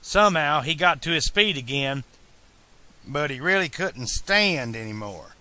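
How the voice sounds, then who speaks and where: Male audiobook reader, slow and deliberate, sharp bright tone, dry close sound. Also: on the high side, lively intonation. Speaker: audiobook narrator. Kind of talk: fan audiobook reading.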